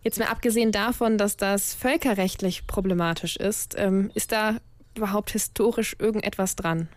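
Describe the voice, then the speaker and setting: A woman hosting a show and interviewing a guest in clear, steady questions. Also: mid-range voice, normal speed, no echo. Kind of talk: scripted interview moderation.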